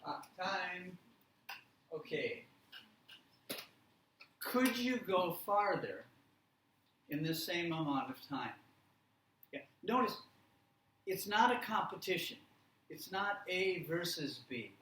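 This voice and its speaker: With a high, bright, expressive and forceful voice, a man runs a live language workshop, repeating simple step-by-step instructions and asking check questions. It's recorded from a distance in an echoey indoor classroom or presentation room, with faint noise.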